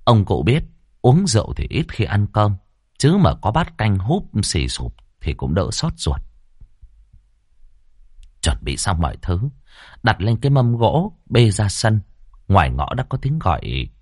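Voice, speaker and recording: A man narrating a Vietnamese ghost story in a lively storytelling cadence. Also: fairly low pitch, a little slow, pauses often, no echo, studio quality.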